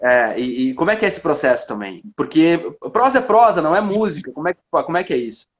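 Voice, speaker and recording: Quick male interviewer, somewhat high voice, off-mic. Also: sing-song, muffled recording. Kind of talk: interview questions.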